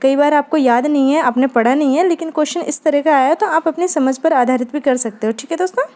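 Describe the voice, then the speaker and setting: Woman lecturer, high and mellow voice, patient explainer who keeps checking in with students. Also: fast talker. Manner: explanatory, frequent "ठीक है दोस्तों" check-ins. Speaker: Hindi literature teacher. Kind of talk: exam-prep lecture.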